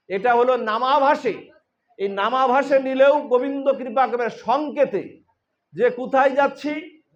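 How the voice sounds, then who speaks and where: High-voiced Bangladeshi preacher, muffled. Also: male voice. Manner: sing-song storytelling with many repeated phrases and rhetorical questions. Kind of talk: devotional sermon. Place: religious gathering. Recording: muffled lo-fi sound.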